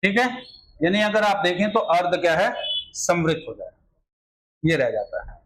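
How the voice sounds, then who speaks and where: High-voiced man teaching Hindi grammar. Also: very animated, normal speed, fairly bright tone, poor audio. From India. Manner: repetitive filler phrases, rhetorical questions to students. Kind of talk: exam-prep grammar lesson.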